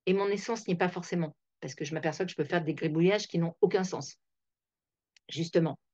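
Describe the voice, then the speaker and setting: A woman's voice: lowish voice, fairly quick, darkish tone, no echo. A woman hosting a reflective talk, thinking aloud with many fillers and restarts. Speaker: host. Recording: dull, dry lo-fi sound.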